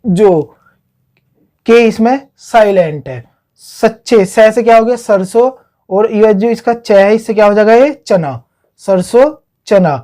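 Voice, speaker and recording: Drilling male teacher with a mellow voice. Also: high-pitched, measured pace. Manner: repetitive question-and-answer drilling. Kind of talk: exam-prep lesson with memory tricks.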